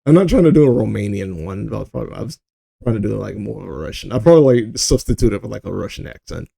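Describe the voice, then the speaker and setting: A man's voice: lowish voice, lively intonation, quick pace, gravelly, mellow, breathy edge, dry recording. A man hosting his own channel, talking through his opinions in a meandering, casual way with many fillers and restarts. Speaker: commentary channel host.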